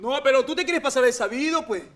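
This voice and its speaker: An actor playing a sly neighborhood extortionist, making veiled threats. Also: male voice, extremely high pitch, animated, fast, fairly bright tone, a little hiss or hum. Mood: menacing. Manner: menacing, sly.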